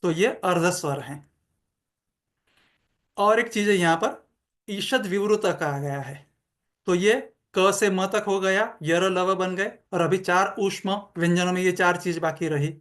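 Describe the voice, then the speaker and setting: A woman teaching Sanskrit pronunciation in an explanatory lecture, speaking slowly and deliberately and demonstrating sounds by repeating them. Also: on the low side.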